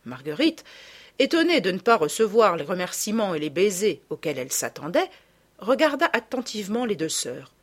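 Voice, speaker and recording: A woman narrating a children's story in an expressive, measured reading voice. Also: mid-range voice. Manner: expressive, drops softer for asides. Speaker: storybook reader.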